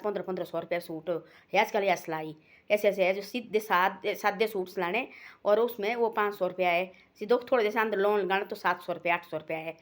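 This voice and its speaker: A woman telling a moral story in a homely, rambling way, constantly repeating filler words. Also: medium pitch. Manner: homely, folksy and unpolished. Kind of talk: casual spoken moral story.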